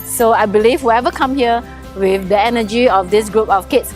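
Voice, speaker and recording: A woman's voice: a little high, normal speed, music in the background. A woman from Singapore giving an earnest volunteer testimonial, hesitant and with frequent fillers.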